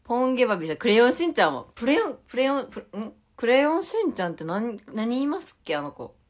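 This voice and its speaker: A woman's voice: a little high, very animated, very fast. Giggly young woman with a Tokushima accent. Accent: Tokushima dialect. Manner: giggly, reads viewer comments aloud, chatty. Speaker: idol livestreamer. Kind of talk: casual live-stream chat with viewers.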